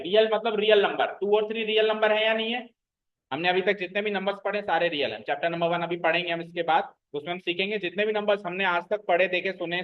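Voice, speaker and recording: High-voiced man teaching maths to a class. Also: dull audio. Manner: checks understanding with frequent questions to the class; explains slowly, repeating key terms. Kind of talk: classroom lecture.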